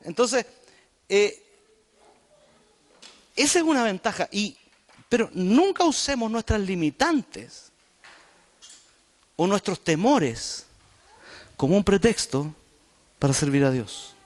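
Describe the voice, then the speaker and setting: A pastor with a Chilean Spanish accent preaches in church, addressing the congregation directly and conversationally. His high-pitched voice is sing-song and slow, with long pauses.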